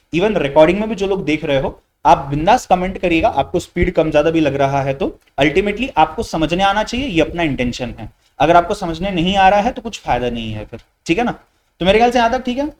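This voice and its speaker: Animated man quizzing students. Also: high-pitched. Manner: quizzing students with rhetorical questions; repeats key points, lively and animated. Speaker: GST lecturer. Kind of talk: live online lecture in Hindi-English mix.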